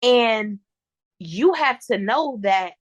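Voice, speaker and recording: A woman with a somewhat high voice coaches her listener through motivational advice in a casual interview. She leans on repetition and restarts her phrases as she builds a point. The sound is dry and close, with no room echo. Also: lively intonation, takes it slowly, dull audio.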